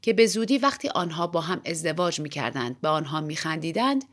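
A low-pitched woman reads a short story as an audiobook narrator, telling it in a lively, animated first person.

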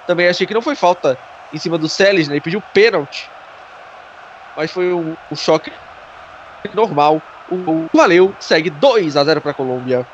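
A man's voice: fairly high pitch, expressive, normal speed, soft background music. A Brazilian man giving live football analysis as a co-commentator, explaining plays and often adding little checking tags. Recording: dull noisy sports broadcast.

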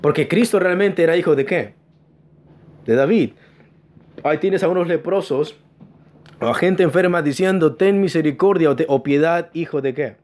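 A pastor with a darkish voice on the high side preaches a teaching sermon in church, often asking the congregation questions, answering them himself, and telling them to pay attention. He stresses key words by slowing down.

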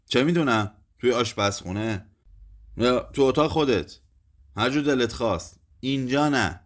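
A furious, scornful drunk woman hurls her lines in a swinging, lively voice, as a man reads her part. Her anger comes out in shouts and sneers, read as an audiobook story. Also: mid-range voice, natural voice. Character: bitter, angry drunk woman lashing out.

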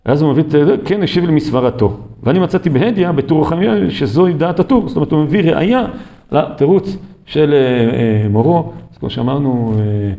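A man giving a recorded Torah lesson, speaking haltingly with many drawn-out filler sounds. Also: on the high side, mellow. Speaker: Torah teacher.

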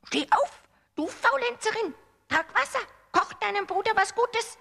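A woman voicing a cruel, cackling old witch in a storybook reading, shrill and creaky. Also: lively intonation, measured pace, bright, forceful tone, long reverb tail, heavily acted. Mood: bossy. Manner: gloating, commanding, scornful.

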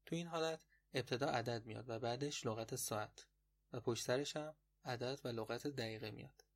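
Male podcast tutor, mid-pitched, patient explainer, slows down for repeats. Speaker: Chinese language teacher. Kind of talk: podcast language lesson.

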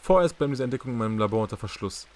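A man's voice: medium pitch, fast talker, gravelly, darkish tone, slightly rough. Man reading an indignant young woman scientist, raised and pushy, stumbling when rattled. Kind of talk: audiobook character reading.

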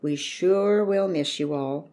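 A woman's voice: sits low, slow pace, warm tone. Wistful folksy uncle, read by a woman.

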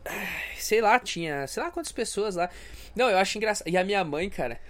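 A man's voice: high-pitched, expressive, fairly quick, fairly bright tone. A young man with a stuffy nose, hosting a crude, self-mocking comedy podcast rant. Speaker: podcast host.

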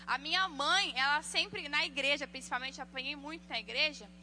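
A woman giving a sermon on parenting, telling lively personal stories and acting out the voices of the people in them. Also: high-pitched, a little fast, a little hiss or hum. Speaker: church speaker.

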